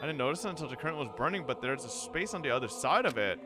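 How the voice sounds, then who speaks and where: A man streaming a visual novel, reading its text aloud with wry, profane asides and a low hush for tense narration. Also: animated, racing, music in the background. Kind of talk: reading game text aloud between casual remarks.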